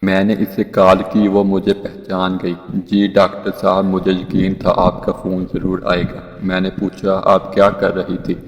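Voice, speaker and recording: Deep, flat-voiced male storyteller. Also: hardly any pauses, big-room sound. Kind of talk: first-person scripted narration of a moral story.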